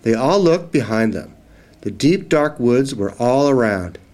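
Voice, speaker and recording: A man's voice: medium pitch, expressive, unhurried, a little mellow. A man reading a children's story aloud, narrating expressively and voicing every character.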